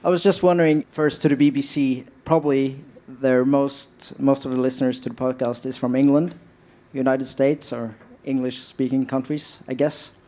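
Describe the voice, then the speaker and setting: Polite man with a dark voice. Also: medium pitch, fairly even intonation, moderate pace. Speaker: audience member asking a question.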